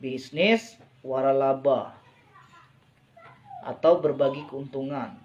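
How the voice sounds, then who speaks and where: A man speaking at an ordinary mid pitch in a persuasive live-stream sales talk, circling back to rhetorical questions and hammering key phrases by repeating them. The sound is a little dull and muffled, with a faint hiss underneath. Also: steady tone, slow, a little mellow. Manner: persuasive, keeps asking for agreement; repetitive, emphatic phrasing. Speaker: business motivational speaker.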